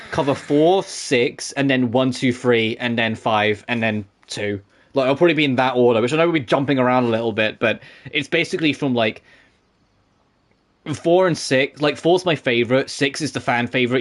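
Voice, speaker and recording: A man giving casual, rambling commentary while playing a game, laughing often. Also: medium pitch. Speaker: gaming streamer.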